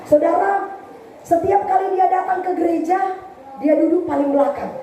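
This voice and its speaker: A woman pastor preaching a sermon, telling a story in an animated way and addressing the congregation directly, in a church. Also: very high-pitched, normal speed, a little hiss or hum. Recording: echoey church hall from far off.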